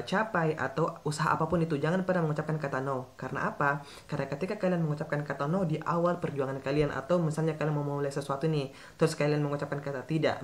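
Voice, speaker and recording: A man talks viewers through study tips as an English tutor. His delivery is casual and chatty, and he often stops to correct himself mid-sentence. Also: on the high side. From Makassar, Indonesia. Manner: chatty, addresses viewers directly, frequent self-corrections. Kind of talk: casual teaching vlog.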